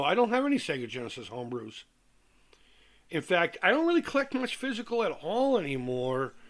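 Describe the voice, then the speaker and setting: Male streamer, forceful bright tone, toothless lips-over-teeth speech, casual, candid, repetitive chat. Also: on the high side. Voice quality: speaks over missing top teeth, slightly lisped, lips-over-teeth diction. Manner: rambling, candid, repeats himself. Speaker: livestream host.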